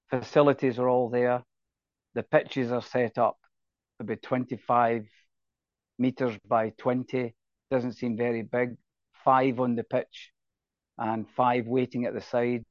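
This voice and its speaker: A man's voice: mid-range voice, no echo. Muffled lo-fi audio, dry, older man, Scottish accent, casual interview guest, anecdotal. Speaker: podcast guest, rugby referee. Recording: dull, lo-fi, dry sound.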